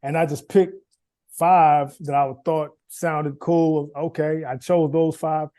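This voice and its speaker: A man casually telling his story in conversation, animated and acting out the voices of people he talks about. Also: on the high side, slow pace. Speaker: guest, former quarterback.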